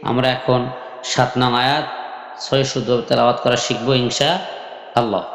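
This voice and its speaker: A man teaching how to spell out and pronounce a verse of scripture, slowly repeating each syllable and drilling it for his students. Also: medium pitch, fairly even intonation, a bit bright. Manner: patient, repeats each syllable, drills it, then asks and answers his own questions. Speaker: Quran recitation teacher. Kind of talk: slow spelling lesson with chanted recitation. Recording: echoey room with long reverb.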